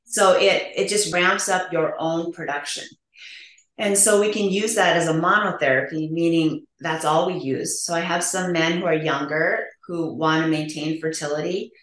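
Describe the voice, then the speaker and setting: A woman's voice: lowish voice, fairly even intonation, a bit bright. A woman clinician explaining testosterone treatment options plainly in a podcast interview, with a practical manner. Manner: explanatory, practical, quick to laugh. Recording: roomy echo.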